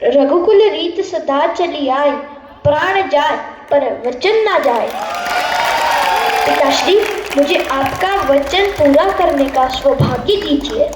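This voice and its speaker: A woman voicing a noble young male prince who speaks slowly and formally, calm and dutiful. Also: high voice, a loud crowd, heavy background noise. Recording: echoey room.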